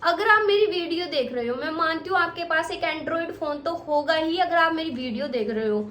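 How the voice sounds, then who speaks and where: Brief: woman coach, very high voice, blunt and repetitive, echoey room. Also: animated, moderate pace, fairly bright tone, slight background noise. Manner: direct, scolding, repeats points. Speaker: exam coach. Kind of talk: motivational study advice to students. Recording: echoey room with faint ambience.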